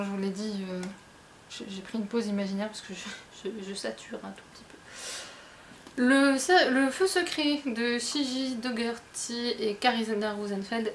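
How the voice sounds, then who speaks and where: A woman vlogger chatting about her reading plans in a loose, self-mocking way, filling pauses with little hesitations. Her voice sits at an ordinary middle pitch. A faint noise hums under the recording. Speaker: book vlogger. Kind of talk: casual chat.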